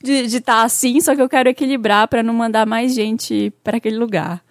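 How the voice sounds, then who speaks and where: A woman's voice: on the high side, steady tone, brisk, dry recording, studio quality. A Brazilian woman co-hosting a podcast, telling candid stories and laughing often in casual chat. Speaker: podcast co-host.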